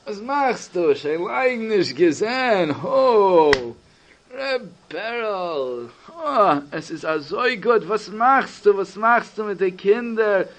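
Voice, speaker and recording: A man's voice: high voice, lively intonation, takes it slowly, a little hiss or hum. A man doing a chatty, fussy secretary. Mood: warm greeting. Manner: rambling, teasing questions. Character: chatty, friendly male secretary, fussy and jokey.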